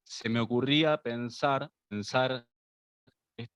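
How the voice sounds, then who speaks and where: A man presents a workshop for teachers over a video call from his phone. He speaks haltingly, repeats words and uses fillers, and the call audio keeps cutting out and stuttering. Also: mid-range voice, fairly bright tone, smooth, no echo. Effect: choppy call audio that cuts out and stutters. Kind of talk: talk on an online video call. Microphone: phone on mobile data. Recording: dull lo-fi call audio with dropouts.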